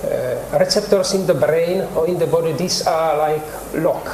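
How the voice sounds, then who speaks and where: Older czech guy, slightly high voice, hesitant explaining, roomy studio with noise. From Czech Republic. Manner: halting, explanatory, many pauses. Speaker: cannabis researcher guest. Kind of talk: TV studio interview. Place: TV studio set. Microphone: lapel mic.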